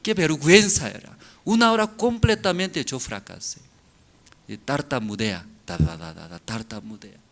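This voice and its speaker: Male pastor, foreign accent, slow halting preaching, lively pitch, bright tone. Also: creaky. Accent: foreign accent in Spanish. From outside Bolivia. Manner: slow, halting, constantly checking in with the listeners. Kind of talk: sermon to a congregation.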